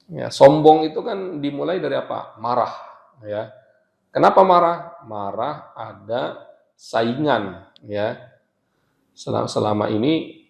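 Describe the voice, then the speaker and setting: Gravelly man giving a religious talk. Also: medium pitch, a little mellow, reverberant. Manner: explains with repeated "ya" and rhetorical questions. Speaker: religious teacher. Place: mosque during a retreat.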